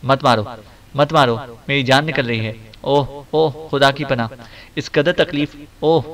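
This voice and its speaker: A tortured, terrified male crime boss who stammers and pleads, as a man narrating puts him on. His voice sits at a middle pitch. This is an audiobook thriller reading. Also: steady tone, a little slow, a bit bright, distant mic. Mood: anguished.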